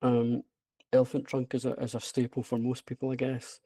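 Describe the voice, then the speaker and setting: A man's voice: mid-range voice, completely flat delivery, a little fast, dark tone, no echo. A man with a broad Scottish accent giving an informal online presentation, hesitant and self-deprecating but enthusiastic. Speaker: presenter, app creator. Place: remote online video call with screen share.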